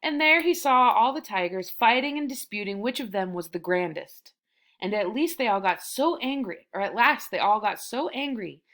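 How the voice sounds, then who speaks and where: A woman's voice: fairly high pitch, a bit bright. A young woman reading a children's story aloud and breaking off for amused, chatty asides.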